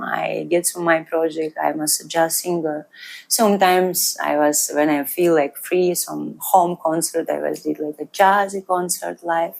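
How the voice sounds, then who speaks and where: Low-voiced Ukrainian woman, gravelly. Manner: broken English, lively, animated storytelling. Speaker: guest musician and DJ. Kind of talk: casual interview. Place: studio.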